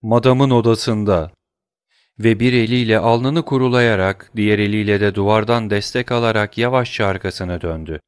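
Male audiobook narrator, lowish voice, dry close sound, steady measured delivery. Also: clean tone, dry recording. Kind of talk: dramatic novel reading.

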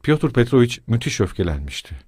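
A man reading a novel aloud as an audiobook narrator, in a dramatic, expressive manner. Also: medium pitch, fairly quick, husky, no echo, studio quality. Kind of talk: scripted literary narration.

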